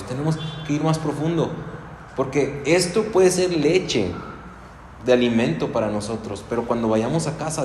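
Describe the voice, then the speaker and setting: A man with a Mexican accent preaches in a loose, conversational way, often restarting his sentences and drifting into personal asides. His mid-pitched voice rings around a church hall with long reverb. A faint hum of background noise sits behind him. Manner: relaxed storytelling, with frequent restarts and asides. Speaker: pastor. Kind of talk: conversational sermon.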